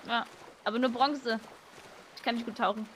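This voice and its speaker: A woman's voice: fairly high pitch, fairly even intonation, moderate pace, fairly bright tone, slight background noise, close to an everyday voice. A woman playing a suspicious young homeless woman who complains and refuses to trust, in a game roleplay. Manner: distrustful, pouty complaining.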